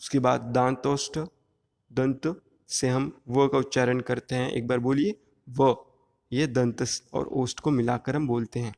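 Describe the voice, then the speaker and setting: A man's voice: mid-range voice, little pitch movement, a little slow, creaky, darkish tone. Man teaching with long hall reverb. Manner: explanatory, drawing out sounds one by one. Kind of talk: exam-prep grammar lesson.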